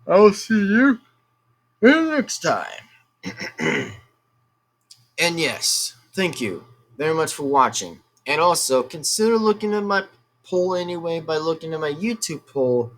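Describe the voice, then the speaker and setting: A man hosting his own gaming vlog, speaking in a somewhat higher register. He rambles and circles back with lots of fillers. He sounds firm and insistent in a casual, unscripted way. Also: fairly bright tone. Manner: rambling and repetitive, full of fillers. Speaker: YouTube gaming channel host.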